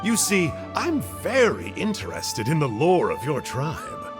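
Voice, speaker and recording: A chirpy little villain sorcerer in a video game. He is chatty and mock-polite, pitched on the high side with extravagant swings. Loud music plays underneath. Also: wildly swooping pitch, a little slow. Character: chirpy, cheeky male Abyss mage villain. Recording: loud background music over voice.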